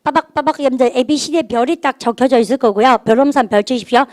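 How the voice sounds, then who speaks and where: Brisk woman drilling English grammar. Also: high-pitched, dry recording. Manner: drills students with call-and-response prompts. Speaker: English teacher. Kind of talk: recorded grammar lecture.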